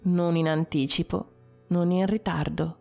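A woman narrating a story in a measured way, with short dramatic pauses. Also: lowish voice, steady tone, gravelly, warm tone, faint music behind.

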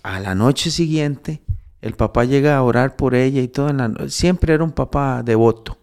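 A man's voice: mid-range voice, moderate pace, darkish tone, clean tone. A man telling a moral story in casual preaching talk, with many restarts, who builds to emphatic, raised preaching. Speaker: devout storyteller giving spiritual counsel.

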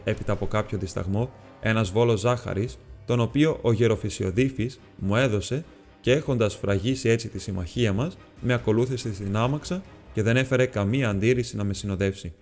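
A man narrating an audiobook in a steady, measured storytelling manner. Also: fairly low pitch, big-room sound. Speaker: audiobook reader.

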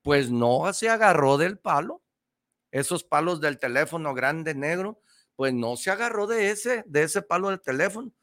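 A man's voice: fairly high pitch, expressive, moderate pace, a bit bright. A middle-aged man with a Mexican accent giving a slangy, emphatic motivational talk on the radio, repeating his points. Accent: Mexican Spanish.

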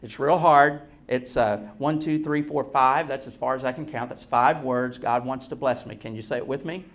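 A man preaching a sermon to a congregation in a folksy, joking, self-deprecating way, with deliberate, emphatic phrasing and pauses. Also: medium pitch, a bit bright.

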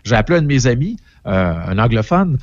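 A man's voice: mid-range voice, very animated, fast, highs cut off. A man with a Québécois French accent, giving an opinionated, rambling entertainment column in casual radio chat.

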